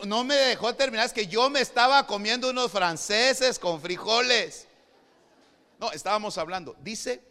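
High, bright Guatemalan preacher in a reverberant hall. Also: male voice. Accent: Guatemalan Spanish. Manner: swings between quiet asides and shouted preaching. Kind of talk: sermon.

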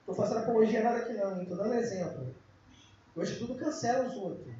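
A man preaching an informal youth sermon, joking and now and then breaking into shouts. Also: high-pitched, expressive, fast, slight background noise. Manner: casual, joking, with bursts of shouting. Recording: very echoey, dull lo-fi room sound.

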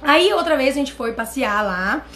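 Brazilian-accented woman, high pitch, animated vlog host telling a personal story to camera. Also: normal speed. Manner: animated, addresses viewers directly. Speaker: channel host.

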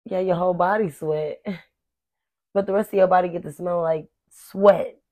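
Laughing, lower-voiced woman co-host. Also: fairly even intonation, a little slow, darkish tone, no echo. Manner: laughing, profane, chatty slang. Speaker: podcast co-host. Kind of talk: casual chat.

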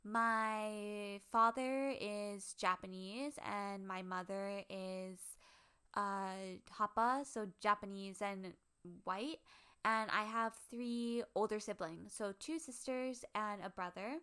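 A young woman with an American accent talks casually about herself as a podcast co-host. Her voice is bright and clean, at a middling pitch. She speaks informally and haltingly, with a modest, self-effacing manner. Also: steady tone, clear, resonant tone. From Hawaii, United States. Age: 20s. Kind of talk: casual personal storytelling.

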